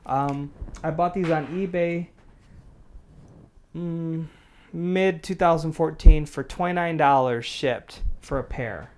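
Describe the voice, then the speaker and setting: A middle-aged man who runs a prepper channel and reviews products hosts a casual review in a plain-spoken, conversational way. His voice is on the high side, a little mellow, and he talks slowly.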